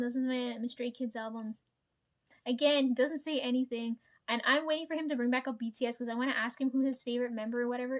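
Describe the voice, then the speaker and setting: In a bright, high voice, a woman vlogging tells a rambling story straight to her audience, cursing freely, laughing often and repeatedly checking in with viewers in a loose, casual way.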